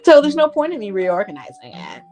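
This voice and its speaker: A woman's voice: mid-range voice, huge pitch swings, a little fast, darkish tone, faint music behind. A young woman co-hosting a podcast, chatting casually with lots of fillers and laughs. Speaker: podcast co-host. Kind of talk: casual chat.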